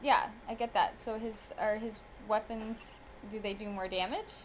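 A woman's voice: a little high, steady tone, unhurried, slight background noise. A woman in casual gaming chat, co-hosting with her child and asking simple, curious questions. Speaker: co-host playing alongside her child.

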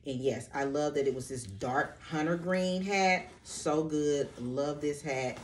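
A woman's voice: deep voice, slow pace, a little hiss or hum. Chatty woman showing off accessories. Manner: chatty, addresses viewers as ladies; enthusiastic, repeats so good and love this. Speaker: fashion vlogger. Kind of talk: casual haul vlog.

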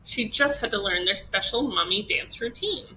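A woman teacher reading a children's picture book aloud, expressive and unhurried. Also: mid-range voice, slight background noise, poor audio. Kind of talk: children's storybook read-aloud.

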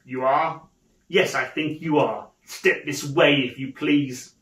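A man's voice: on the high side, fairly even intonation, slow, fairly bright tone, roomy sound. A man playing a stern old miser of a boss who growls in a curt, menacing way in a storybook reading. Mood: mock stern.

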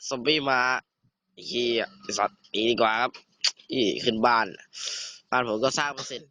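A teenage man giving casual, excitable commentary over a survival game, swearing and bantering with a friend. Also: medium pitch, fairly quick. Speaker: gamer.

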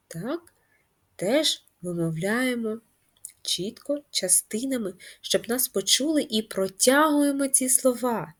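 A woman teaching a first-grade reading lesson with a breathy, airy voice. She is patient and clear, stretching words out syllable by syllable. Her pitch sits in an ordinary middle range. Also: darkish tone. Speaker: primary school teacher.

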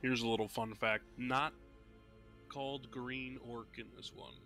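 A man's voice: mid-range voice, steady tone, unhurried, a bit bright, faint music behind. A man with a congested voice giving casual, joking let's play commentary over a game. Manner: joking, offhand, mock-outraged.

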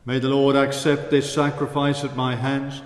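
A man, a priest, leading the Mass in solemn, measured prayer and chant, his voice ringing with cathedral echo. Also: mid-range voice, completely flat delivery. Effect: cathedral echo, long church reverb. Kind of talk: liturgical prayer, spoken and chanted. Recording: echoey reverberant church hall.

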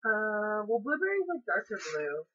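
A young woman with a husky voice, chatting casually as she leads a challenge at home in a bedroom. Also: mid-range voice, sing-song, normal speed, a bit bright. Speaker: challenge leader handing out the beans. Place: small carpeted bedroom indoors. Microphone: camera a few feet away. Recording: dull lo-fi home recording.

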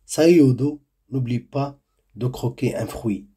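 Slow, husky male storyteller. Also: medium pitch, warm tone. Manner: measured, deliberate telling. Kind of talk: storytelling narration.

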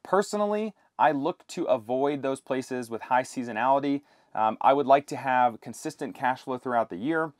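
Male video host, 20s, medium pitch, informal explainer delivery, very dry close lapel sound. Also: animated, normal speed, no echo. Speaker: video host, property investor. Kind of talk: informal explainer talk to camera. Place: inside a camper van. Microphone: lapel mic.

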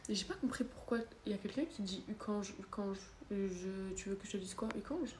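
A young woman from France, sick with a cold, talks fairly quickly in a darkish, mid-range voice. Livestreaming casually from her living-room sofa, she chats away, reading comments out loud and replying. Her phone camera is at arm's length, and the room echoes with faint background noise.

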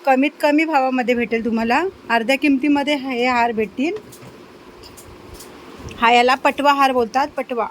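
A middle-aged woman talks casually in her home kitchen, recorded on a phone camera. Her voice sits high, and a faint hiss runs underneath. She slips into sing-song baby talk for her pets. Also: steady tone, moderate pace, long pauses, rough recording. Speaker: home vlogger.

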